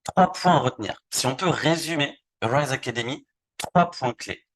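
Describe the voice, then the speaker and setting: A man's voice: medium pitch, lively intonation, normal speed, a bit bright, a little hiss or hum. A man from France presenting a live webinar, walking through a website casually and repeating words as he clicks through screens. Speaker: online presenter. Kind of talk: live webinar product demo.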